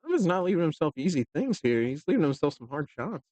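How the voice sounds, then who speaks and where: A man giving relaxed, joking live commentary on a pool match, talking loosely with fillers. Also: fairly high pitch, fast talker, no echo.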